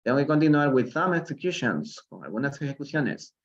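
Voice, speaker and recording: A man's voice: mid-range voice, lively intonation, moderate pace, muffled recording. A man from Peru teaching English in a live online reading lesson, patiently explaining step by step and switching between Spanish and English.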